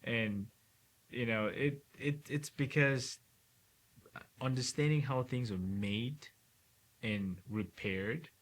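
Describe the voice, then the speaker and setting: A middle-aged neurosurgeon from Cameroon, a guest in a relaxed interview, speaks reflectively in a mid-range voice. He frequently wraps up points with a quick "right?", and faint hiss runs under the recording.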